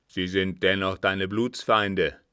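A man's voice: low-pitched, flat delivery, takes it slowly, pushed and bright, clean tone, no room sound, clean studio sound, full character voice. A man voicing a cunning disguised agent who feigns innocence with emphatic protests, in an audiobook reading. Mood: persuasive.

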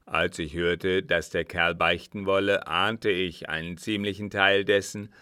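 A man reading a storybook voices a brusque, scheming former French captain who curses and speaks low and forcefully. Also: steady tone, measured pace, no echo, clean studio sound. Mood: gruff. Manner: gruff, brusque, cursing.

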